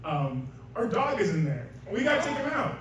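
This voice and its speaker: A young man telling a true story live on stage, chatty and quick to laugh, acting out what others said. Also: sits high, very animated, fairly bright tone, far from the mic, a little hiss or hum. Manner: casual, chatty, laughs often, acts out quotes. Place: small venue in front of a live audience. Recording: roomy live venue recording from afar.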